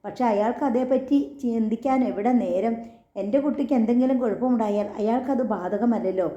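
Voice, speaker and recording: A woman's voice: a little high, a little fast, mellow, close to an everyday voice. A woman voicing a stern young husband and father who speaks curtly and lectures. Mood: scolding. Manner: curt, lecturing. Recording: echoey, slightly dull recording.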